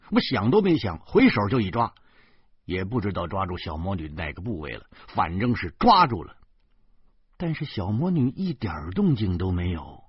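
Lively Beijing-accented male storyteller. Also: lowish voice, husky, no room sound. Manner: lively, dramatic storytelling in Beijing colloquial speech. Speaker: audiobook narrator. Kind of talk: storytelling narration. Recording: muffled, dry close recording.

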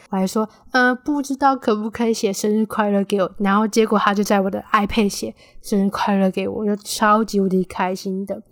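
A woman's voice: medium pitch, no room sound. Chatty young Taiwanese woman, dry close mic. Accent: Taiwanese Mandarin. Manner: chatty, animated when quoting friends. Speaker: podcast host. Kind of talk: casual solo podcast storytelling.

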